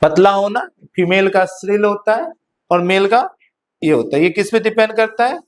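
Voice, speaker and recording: A man teaching a physics class in a Hindi-English mix with an Indian accent, dictating notes slowly and often asking students whether they follow. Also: sits high. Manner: slow dictation of notes, checks understanding with repeated questions. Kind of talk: classroom lecture.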